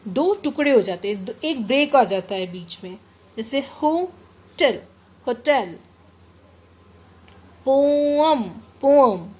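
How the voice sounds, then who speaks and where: A woman with an Indian English accent teaching a grammar lesson, explaining slowly in English, then quickly in Hindi, and stressing each example word. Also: a little high, expressive. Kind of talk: classroom lesson.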